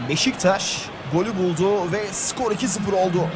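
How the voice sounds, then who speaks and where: A man's voice: high-pitched, moderate pace, loud music behind the voice. A man doing live football play-by-play, naming players in short, clipped phrases. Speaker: football match commentator.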